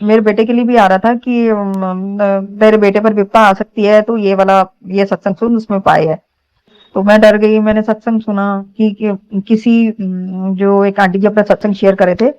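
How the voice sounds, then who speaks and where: Earnest woman with a smooth voice. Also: medium pitch, darkish tone, low-quality recording. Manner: earnest, rambling, many restarts. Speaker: devotee sharing a testimony. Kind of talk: emotional testimony to a congregation.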